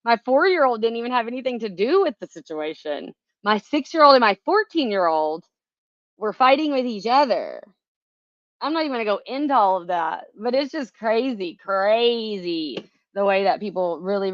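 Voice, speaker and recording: A woman's voice: mid-range voice, expressive, normal speed, no room sound, highs cut off. A woman vlogger talking casually to her viewers, frustrated and rambling, swearing often and filling gaps with "like". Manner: frustrated, swears a lot, rambling with many fillers.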